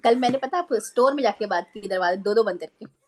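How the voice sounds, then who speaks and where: A woman's voice: mid-range voice, darkish tone. A woman taking part in a group talk, asking about her own child's behaviour with a worried tone. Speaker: participant asking questions. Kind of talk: casual group discussion.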